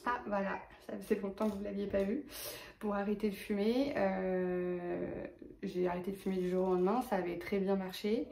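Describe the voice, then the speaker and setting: A woman's voice: medium pitch, flat delivery, normal speed, roomy sound, background noise. A woman with a lisp on her s sounds, talking casually and hesitantly in a personal vlog update. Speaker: vlogger.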